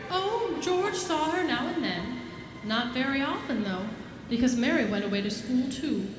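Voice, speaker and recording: A woman's voice: sits high, expressive, moderate pace, noisy background. A woman playing a patient storytelling narrator in a live radio play. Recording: roomy live stage. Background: music.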